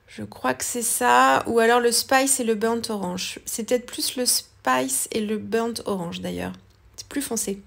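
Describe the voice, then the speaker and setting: A woman's voice: on the high side, a little slow, gravelly, fairly bright tone. A woman talking through a coloring tutorial in a casual, hesitant way, with many fillers and self-corrections. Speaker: craft tutorial host. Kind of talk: casual voice-over art tutorial.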